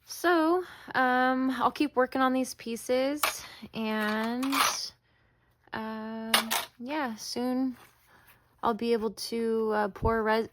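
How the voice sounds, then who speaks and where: Unhurried woman crafter thinking aloud, humble and hesitant. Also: a little high, background noise. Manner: rambling, with frequent ums and restarts; humble, apologetic. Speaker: craft video maker. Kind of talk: casual chat while crafting.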